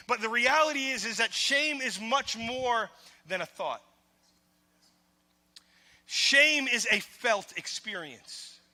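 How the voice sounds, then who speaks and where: A man preaching in a church sanctuary, his high voice ringing with a long reverb across the hall. He is emphatic and repetitive, and he keeps putting rhetorical questions to the congregation. His tone is very bright and sharp. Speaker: pastor. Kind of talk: sermon.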